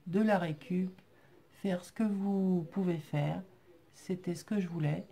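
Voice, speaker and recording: A woman vlogger chatting casually as she shows off crafts she was sent, thanking viewers warmly and hesitating often as she describes each piece. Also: fairly low pitch, unhurried, vocal fry. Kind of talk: casual chat unboxing craft mail.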